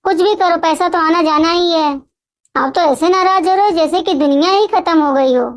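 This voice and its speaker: A smug, scheming young man, as a woman storyteller puts him on, talking down to his elder brother in a storybook tale. The voice sits high, and his manner is dismissive. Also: moderate pace. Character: cocky scheming young man, later broken.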